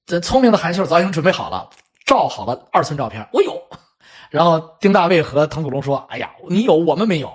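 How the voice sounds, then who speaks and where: A middle-aged man from China telling a true story in an animated, chatty way, with spoken asides. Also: fairly high pitch, quick pace, breathy edge. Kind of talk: casual storytelling commentary.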